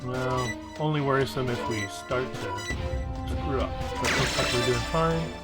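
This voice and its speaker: A man's voice: medium pitch, measured pace. A man giving casual, rambling game commentary as he thinks aloud while playing. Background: game music behind the voice.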